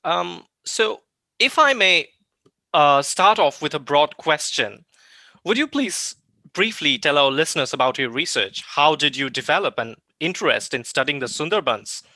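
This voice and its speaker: Bright-voiced formal male podcast host. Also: on the high side, expressive, dry recording. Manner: formal, measured, polite. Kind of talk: scripted introduction and interview questions.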